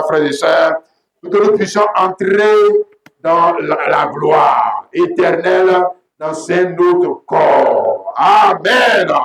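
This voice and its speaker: A man preaching a sermon as pastor, emphatic and repetitive, often breaking into shouts. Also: on the high side, gravelly, slight background noise. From Côte d'Ivoire. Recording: echoey room.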